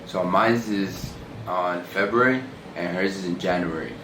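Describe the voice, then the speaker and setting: A man of twenty-two from Miami, chatting casually as a vlogger and telling stories in a relaxed, rambling way. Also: low voice, a little slow. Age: 20s. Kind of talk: casual chat to camera. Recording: echoey room with background noise.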